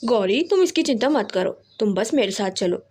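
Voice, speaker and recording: A woman's voice: on the high side, animated, moderate pace, a little mellow, slightly rough. A woman voicing a scheming male crow in a cartoon story, talking boastfully and conspiratorially.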